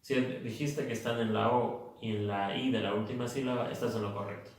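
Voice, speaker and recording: A man teaching English pronunciation in a slow, methodical way, drilling word lists one by one. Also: medium pitch, fairly even intonation. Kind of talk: recorded phonics lesson. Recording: echoey room, mic far off.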